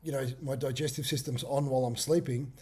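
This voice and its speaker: A man's voice: mid-range voice, steady tone, quick pace, mellow, slightly rough. A man, a fitness coach explaining things informally in a casual chat.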